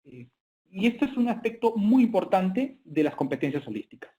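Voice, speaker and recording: Male lecturer with a slightly high voice, halting delivery full of filler sounds, presenting slides online. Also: very animated, mellow. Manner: hesitant, frequent filler sounds.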